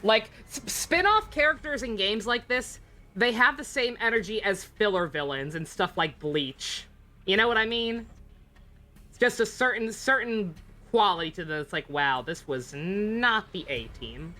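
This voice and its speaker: Sardonic woman streamer with a bright, animated voice. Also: a little high, moderate pace. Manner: sardonic, joking. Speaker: streamer playing a game. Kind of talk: casual game commentary.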